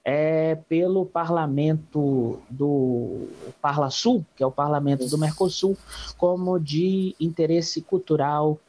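A man's voice: on the high side, slow pace, warm tone. A man from Bahia, a documentary filmmaker answering interview questions hesitantly, with many filler sounds and restarts. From Bahia, Brazil. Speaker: guest, documentary filmmaker and student.

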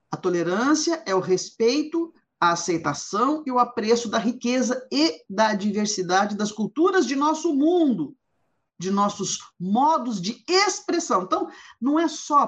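Woman leading a halting, thoughtful discussion. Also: a little high. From Goiás, Brazil. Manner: halting, thinking aloud with many restarts. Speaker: discussion host. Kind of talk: informal discussion, reading quotes. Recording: dull lo-fi sound.

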